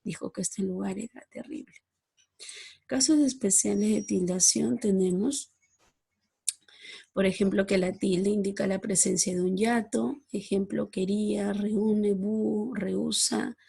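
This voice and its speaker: Husky, gravelly-voiced woman teaching grammar. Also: medium pitch, fairly even intonation, warm tone. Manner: reads examples aloud in a measured, explanatory way. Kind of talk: recorded slide-presentation lesson.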